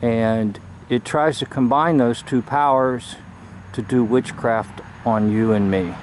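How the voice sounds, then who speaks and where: A man talks earnestly in a measured, explanatory way as he films a building from outdoors. His voice sits at an ordinary pitch. Traffic and outdoor hum run clearly behind him on the camera mic. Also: a little mellow, low-quality recording. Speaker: video host. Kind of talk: filmed religious commentary. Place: outdoors by a church. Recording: outdoor street noise behind.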